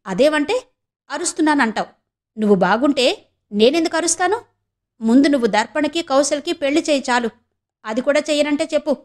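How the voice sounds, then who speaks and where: A woman's voice: high-pitched, voice pushed up. A woman doing a taunting sister-in-law. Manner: sarcastic, needling.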